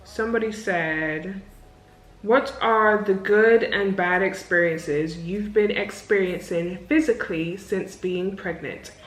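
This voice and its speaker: A woman's voice: medium pitch, takes it slowly. Chatty young woman in an echoey room. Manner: candid and chatty, swears freely. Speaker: vlogger. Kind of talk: casual sit-down Q&A.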